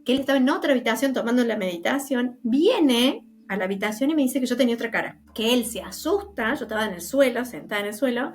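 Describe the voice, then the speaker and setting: A woman's voice: a little high, expressive, quick pace, hardly any pauses. An Argentine woman, a guest medium in a casual interview, telling stories animatedly and acting out the voices of the people she quotes, laughing now and then. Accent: Argentine Spanish.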